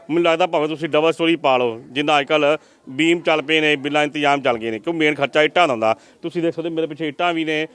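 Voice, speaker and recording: A man's voice: on the high side, fairly bright tone, clean tone, no room sound. A man reporting from a poor family's village home, making earnest appeals to viewers for help.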